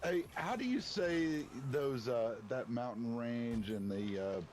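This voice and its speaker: A man with a bassy voice, chatting casually while gaming, laid-back and dryly teasing. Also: expressive, slow, a little mellow, slight background noise. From East Tennessee. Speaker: gamer.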